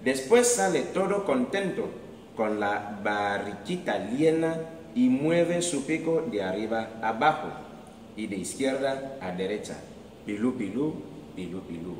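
A man reading a children's tale aloud in a library hall, slow and expressive. His voice sits at an ordinary pitch and takes its time. The recording is echoey and distant, with a long reverb tail and a faint room hum. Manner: slow, animated storytelling with many voices. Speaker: storyteller. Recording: echoey hall, mic far off.

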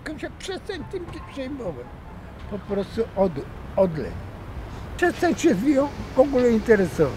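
An elderly man in his eighties talks in a high, lively voice that swings up and down. His advice comes out blunt and firm. Clear street noise runs under the recording. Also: moderate pace. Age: 80s. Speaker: passer-by giving advice. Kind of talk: casual street chat. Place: outdoors by apartment blocks.

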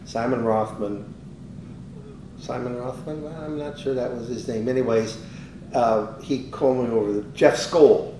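An older man tells a long story in a loose, rambling way and acts out every quoted exchange. The voice sits a little away from the microphone in a roomy space, with a faint rumble underneath. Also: measured pace, recorded from a distance. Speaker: interviewee, business owner. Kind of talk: casual storytelling.

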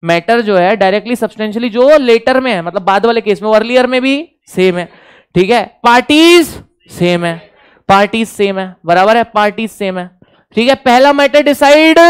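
A man's voice: sits high, expressive, normal speed, clean tone. A man with an Indian accent teaching an exam revision lecture, repeating key points, quizzing his students and joking with the class. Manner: jokes with the class.

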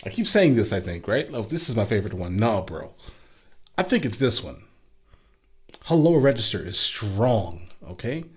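A man's voice: on the low side, big pitch swings, moderate pace, breathy edge. A man hosting a music reaction video, chatting casually and enthusiastically and checking in with "right?" and "okay?" as he talks. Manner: enthusiastic, easily amazed. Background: song playing faintly under his talk.

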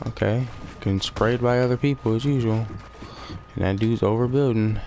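A man's voice: medium pitch, moderate pace, background noise. A young man casually commentating his own video game play, slangy and swearing when frustrated. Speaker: gaming YouTuber.

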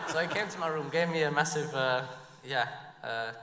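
A man's voice: on the high side, normal speed, reverberant, long reverb tail, very noisy. A man speaking as a racing driver in a casual interview, playful and laughing often.

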